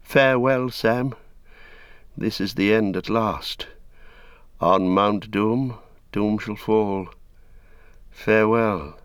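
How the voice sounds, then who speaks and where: A man's voice: fairly low pitch, steady tone, slow, long pauses, clean tone, no room sound, clean studio sound. A man voicing stern, gasping hobbit Frodo. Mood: solemn. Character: hobbit Frodo, weary young male ring-bearer, stern.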